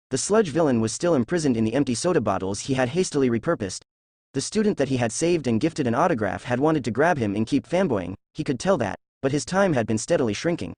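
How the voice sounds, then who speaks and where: A man reading a fan fiction story aloud in a steady storytelling voice. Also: mid-range voice, dry recording, studio quality. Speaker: narrator.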